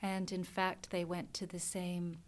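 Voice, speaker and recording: Canadian woman cohosting a podcast, lowish voice, chatty, laughs a lot. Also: little pitch movement, measured pace. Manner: chatty, laughs often, hesitant fillers. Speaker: podcast co-host. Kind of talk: casual academic chat.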